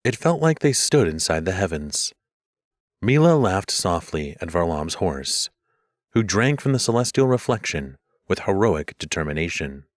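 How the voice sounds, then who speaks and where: A man reading a fantasy audiobook in a measured, expressive scripted narration. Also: low voice, dry recording.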